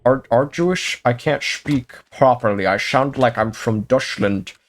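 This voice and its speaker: A let's play host chats loosely through a game session, talking partly to himself and partly to the game. His voice sits at an ordinary middle pitch, and he bursts into quick, excited exclamations and slips in wry, jokey asides.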